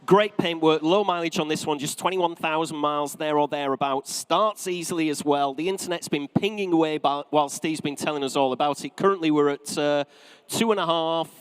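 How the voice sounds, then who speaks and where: A man's voice: fairly high pitch, a little fast, clean tone. A British man working as an auctioneer, calling live bids in formal, repetitive patter with bantering asides. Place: large auction saleroom. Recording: long reverberant hall sound.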